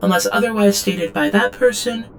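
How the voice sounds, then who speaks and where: In a scripted audio drama monologue, a woman plays an obedient female servant drone, reporting in a stilted, clinical third person, detached in mood. Her natural, mid-range voice is gravelly and level at a moderate pace, and the audio is very noisy.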